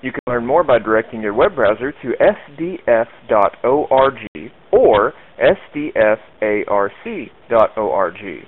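A man's voice: medium pitch, big pitch swings, normal speed, few pauses. A man running an amateur radio net in a formal, methodical way, spelling call signs phonetically, heard through a radio transmission. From Arkansas. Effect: heard over a narrow-band radio link. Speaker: net control operator.

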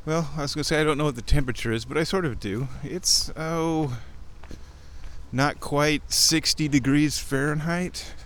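A man's voice: fairly high pitch, normal speed. A man hosting a casual show, narrating his walk outdoors in a rambling, observational way. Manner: rambling observational chat while walking. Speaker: podcast host and chairman. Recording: breezy outdoor noise while walking. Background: light wind and outdoor ambience.

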